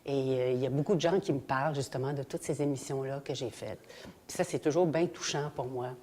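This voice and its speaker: A woman's voice: rumbling low, fast, mellow. An older Québécois woman, a guest actress, telling stories in a casual interview and briefly mimicking voices.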